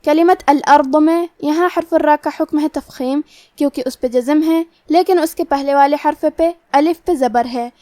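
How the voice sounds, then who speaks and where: A woman teaching Quran recitation rules, explaining each letter step by step in a methodical, measured way. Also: high voice, darkish tone, dry recording, studio quality. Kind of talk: tajweed lesson, explaining rules then reciting slowly.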